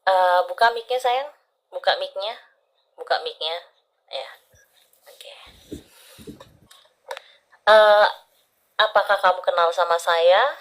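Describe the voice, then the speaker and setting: A woman reading a caller's palm on a live stream, intimate and affectionate, often dropping to a whisper and then breaking into loud laughter. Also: medium pitch, slow pace, pauses often, low-quality recording. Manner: intimate, calls listener "sayang", swings between soft whispers and loud laughter. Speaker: palm reader.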